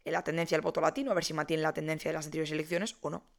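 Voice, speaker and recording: Chatty young woman, low voice. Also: little pitch movement, racing, vocal fry. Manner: chatty, many fillers and self-corrections. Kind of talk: casual explainer monologue.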